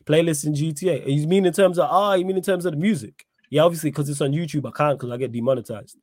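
A man's voice: a little high, fast, a little mellow, dry recording. A man with a London roadman accent hosting a livestream, chatting casually in slang. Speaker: livestream host.

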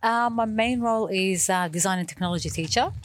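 A woman from Iraq in her thirties, a teacher answering questions on a school radio show, speaking warmly and hesitantly with many fillers. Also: mid-range voice, a little fast. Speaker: teacher being interviewed.

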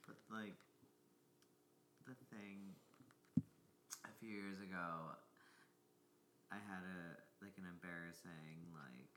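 Low-voiced young man, rambling and candid. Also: fairly even intonation, slow, long pauses, noisy background. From New Jersey. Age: 20s. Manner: rambling, frequent "like" fillers and restarts. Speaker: guest. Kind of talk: casual chat.

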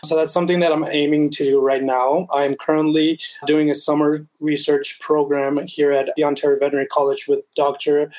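A man's voice: on the high side, flat delivery, brisk, few pauses, darkish tone, low-quality recording. A man in his twenties from Colombia, a veterinary student guest speaking earnestly with many fillers and restarts. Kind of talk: casual interview.

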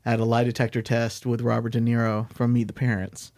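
A man's voice: medium pitch, monotone, a little fast, darkish tone. A man hosting a comedy podcast, bantering and reading posts aloud in a crude, irreverent, profane way.

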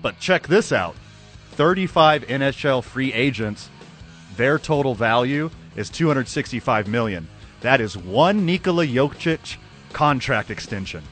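A man's voice: medium pitch, lively intonation, measured pace, fairly bright tone, soft background music. A man co-hosting a sports radio show with casual, bantering talk.

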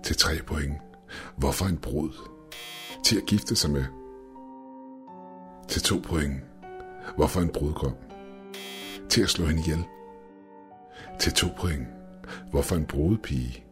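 A man's voice: very deep voice, long pauses, soft background music. A man voicing a grotesque male game show host who is gleeful and cruel, in showman patter.

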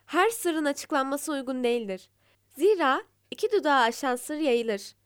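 A woman's voice: sits high, expressive, normal speed, fairly bright tone, no echo, studio quality. A woman doing a clever little hare. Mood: resolute. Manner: pleading, cunning. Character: small clever brave hare.

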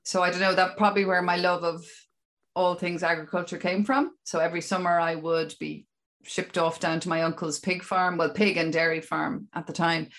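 A woman with an Irish accent talking casually about herself as an interview guest, in a mid-pitched voice. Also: a bit bright. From Dún Laoghaire, Ireland. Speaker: interview guest, business owner.

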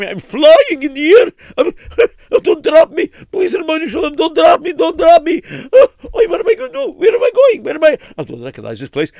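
A man's voice: medium pitch, no room sound, studio quality. A man doing a fretful, stammering pious man. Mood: panicked. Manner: stammering, exclaiming, panicky. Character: pious middle-aged man, excitable and fretful.

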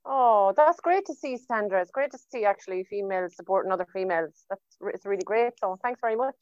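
A woman's voice: mid-range voice, fast, a little mellow, no room sound, highs cut off. A middle-aged woman with a West of Ireland accent chatting casually over a remote call, rambling a little and repeating words as she goes. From County Galway, Ireland. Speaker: guest singer on a podcast. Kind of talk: casual chat. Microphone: remote phone or computer call.

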